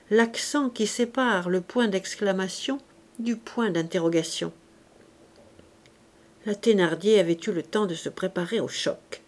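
A woman reading a classic novel aloud as an audiobook, in a measured, expressive way. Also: medium pitch. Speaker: audiobook narrator. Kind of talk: literary audiobook narration.

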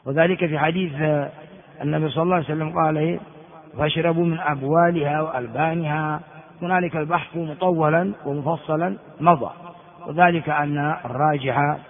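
An older man teaching as a sheikh, reading hadith texts and explaining them slowly in a lecture. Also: fairly high pitch. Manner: explains slowly, reads then comments. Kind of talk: classroom lecture commentary. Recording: tinny phone-like sound in a large reverberant hall.

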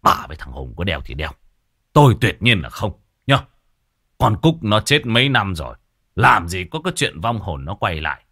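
A man voicing a stubborn, gruff old father, who scolds curtly and swears. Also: deep voice, very animated, normal speed, pushed and bright, heavily acted. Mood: gruff scolding. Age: older. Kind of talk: story narration with acted voices.

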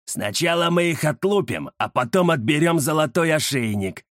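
A man's voice: a little high, animated, normal speed, fairly bright tone, dry recording, clean studio sound. A man voicing a swaggering, greedy bandit tomcat who leads a gang in an audiobook, brash and mocking.

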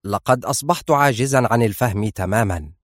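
A man voicing a smooth, fawning and cunning male spy in an audiobook, polite and insistent. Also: medium pitch, fairly quick, no echo, clean studio sound, natural voice. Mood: sly, insistent. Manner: ingratiating and cunning. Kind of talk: audiobook character voice.

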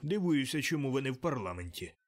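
A man's voice: mid-range voice, sing-song, fast talker, lightly acted. A man voicing a cold, grumbling old miser who answers curtly. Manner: grumbling, curt.

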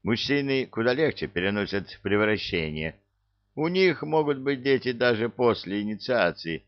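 A man's voice: medium pitch, expressive, moderate pace, muffled recording, natural voice. A man voicing a grumpy, sarcastic male cook who talks bluntly and scolds. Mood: grumbling. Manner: grumbling, blunt.

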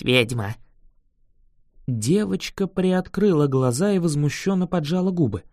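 A man reading an adventure audiobook in the first person with wry, expressive storytelling. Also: fairly high pitch, dry recording, studio quality. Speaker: audiobook reader.

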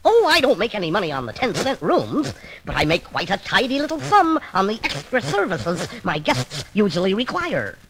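A man's voice: wildly swooping pitch, moderate pace, heavily acted. A man playing a scheming cartoon duck who runs a cheap hotel, in a vintage cartoon radio performance with sly, wildly leaping delivery. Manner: wild pitch leaps, sly and scheming. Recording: old archive clip under loud music.

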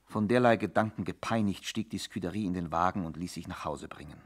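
A man narrating a literary radio drama in a formal, expressive, suspenseful style. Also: deep voice, a little fast.

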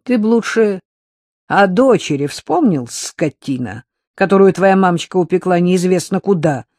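A reader voicing Rita, a sly young woman who sweet-talks and threatens by turns, in a dry, close recording with a lively, wide-ranging delivery. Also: on the low side, measured pace, no room sound, full character voice. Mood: scornful. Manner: sugary and mocking, then barking orders. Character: sly, sharp-tongued young woman blackmailer. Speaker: character in an audiobook. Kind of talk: audiobook character reading.

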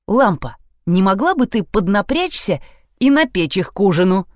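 Gruff commanding major, read by a woman, dry studio audiobook. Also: mid-range voice, very animated, moderate pace, a little mellow, no echo, natural voice. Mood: easygoing. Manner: stern, commanding. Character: commanding police major, adult man. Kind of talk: audiobook character voice.

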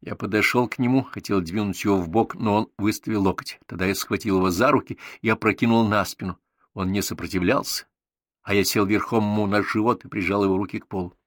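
A man narrating an audiobook in calm, even storytelling. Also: fairly low pitch, fast talker, no room sound, studio quality. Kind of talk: scripted narration.

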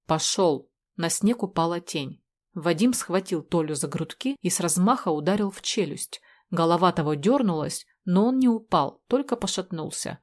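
A woman narrating a story in the first person in a steady, measured way. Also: fairly low pitch. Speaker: audiobook narrator.

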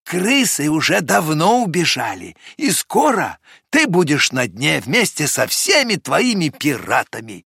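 A man's voice: fairly high pitch, huge pitch swings, measured pace, vocal fry, few pauses, sharp tone, breathy edge, no echo, studio quality, exaggerated voice. A man voicing a brave, kind animal doctor in a fairy tale audiobook, calling out a firm warning. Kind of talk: storybook reading.

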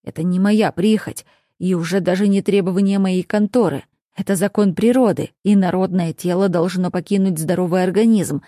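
A guarded, blunt male official in an audiobook, read by a woman narrator. He lays things out in a measured, matter-of-fact way, in a warm voice. The recording is dry and intimate. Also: fairly low pitch, fairly even intonation, dry recording, close to an everyday voice.

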